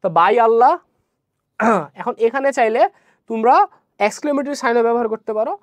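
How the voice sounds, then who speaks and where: A woman's voice: a little high, lively intonation, moderate pace, dry recording. A woman teaching an online exam-prep English lesson, explaining step by step and often asking checking questions.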